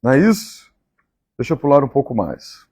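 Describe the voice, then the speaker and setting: A man from Minas Gerais with a Mineiro Brazilian accent, reading a novel aloud on a live stream and pausing for chatty asides. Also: medium pitch, big pitch swings, darkish tone, slightly rough, no room sound, clean studio sound. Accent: Mineiro Brazilian Portuguese. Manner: measured, repeats favorite lines and chats between passages.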